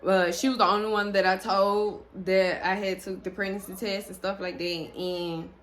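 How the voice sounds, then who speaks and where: Talking to her viewers about something from her own life, a young woman keeps things loose and lively, full of fillers and restarts. Her voice sits at medium pitch and moves at an ordinary speed.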